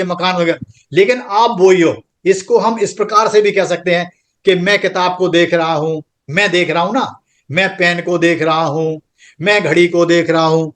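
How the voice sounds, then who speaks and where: High-voiced man teaching a spiritual class. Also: fairly bright tone. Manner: patient, repetitive explaining with frequent "theek hai". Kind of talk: online class lecture. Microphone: computer microphone on an online group call.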